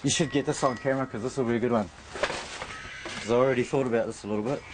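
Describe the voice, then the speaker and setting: A man's voice: medium pitch, steady tone, very fast. A man with a New Zealand accent chatting in a casual, rambling, emphatic way. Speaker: interviewee showing his home and pets. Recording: noisy amateur on-location video recording.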